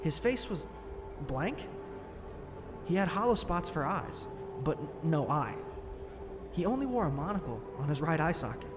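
Man acting a young male witness, higher-pitched, defensive, shaken, halting, informal, horror story, music behind. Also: sing-song. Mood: uneasy recounting. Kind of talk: acted audio horror story.

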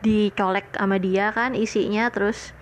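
A woman's voice: medium pitch, steady tone, moderate pace. Chatty young woman telling a story. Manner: chatty, leans on frequent fillers and retells conversations; earnest and grateful. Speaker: podcast host. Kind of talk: casual personal storytelling.

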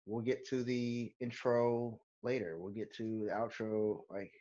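A man's voice: level tone, unhurried, dark tone, muffled recording. Laid-back slangy podcast co-host guy. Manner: laid-back slangy, drops into a low mumble at line ends. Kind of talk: casual chat.

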